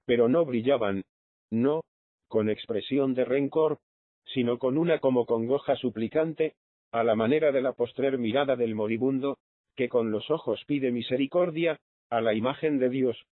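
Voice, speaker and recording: A man narrating a classic novel as an audiobook, with a measured, solemn reading. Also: mid-range voice, no room sound. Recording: thin phone-like lo-fi sound.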